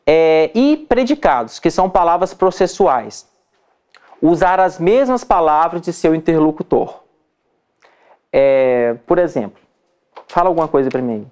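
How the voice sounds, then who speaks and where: A man's voice: fairly high pitch, lively intonation, a little slow, a little mellow, clear, resonant tone. Chatty Brazilian man giving a lesson. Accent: Brazilian Portuguese. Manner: chatty, checks in with frequent "tá?" and "entendeu?"; acts out examples with shifting voice. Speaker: dermatologist teaching other doctors. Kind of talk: informal lecture.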